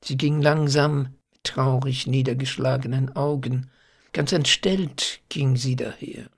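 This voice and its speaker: A man narrating an old pastoral tale in a soft, half-whispered reading. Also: mid-range voice, fairly even intonation, unhurried, vocal fry, breathy edge. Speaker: audiobook reader.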